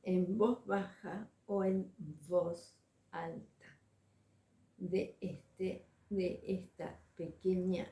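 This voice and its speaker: A woman teaching a religious lesson as a spiritual coach, measured and deliberate, pausing often to find her words. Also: fairly low pitch, level tone, dark tone, echoey room.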